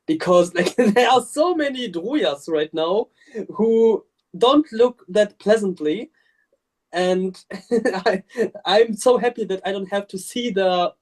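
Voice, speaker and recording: High-voiced man chatting with laughs. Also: lively intonation, slow pace. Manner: candid, chatty, laughs often while talking. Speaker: podcast participant. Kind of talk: casual spiritual discussion.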